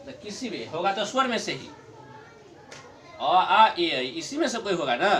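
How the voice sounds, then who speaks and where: A middle-aged man teaching a grammar lesson to a class, explaining slowly, repeating his points and chuckling often. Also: high-pitched, sing-song, fairly bright tone, a little hiss or hum.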